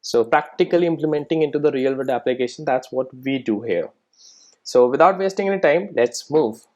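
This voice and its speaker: A man presents an informal coding screencast at a brisk pace, his medium-pitched voice lively in intonation and a little mellow, though the recording is muffled. He explains conversationally and keeps tagging sentences with "right?" and "okay?"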